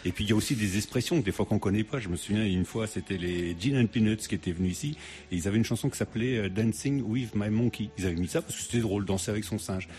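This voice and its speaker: A man's voice: lowish voice, fast, darkish tone. A man hosting a casual radio interview, chatty, with frequent fillers and laughs. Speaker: radio host.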